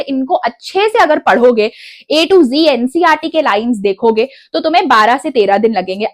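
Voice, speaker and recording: High-voiced young woman coaching exam students. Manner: direct, insistent, mixes English phrases into Hindi. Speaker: educational YouTuber. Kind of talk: exam strategy talk to students.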